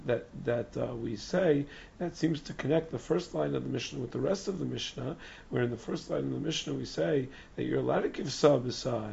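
A man teaching a Talmud class with a hoarse, raspy, strained voice that has nearly gone, reading text and explaining it. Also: on the high side, darkish tone, a little hiss or hum. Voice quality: raspy, strained, breathy croak. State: hoarse, lost voice. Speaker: religious teacher giving a daily Talmud class. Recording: dull, muffled lo-fi recording.

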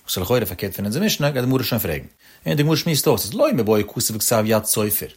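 Male teacher, fast, husky, chanting lecture delivery with big pitch swoops. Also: big pitch swings. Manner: sing-song, swooping up and down between phrases. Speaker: religious text teacher.

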